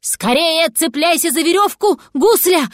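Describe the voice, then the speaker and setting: A woman voicing an anxious, brave male house cat from a storybook, shouting urgently. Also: sits high, lively intonation, slow, no room sound, clean studio sound, pitched above the performer's own voice, exaggerated voice.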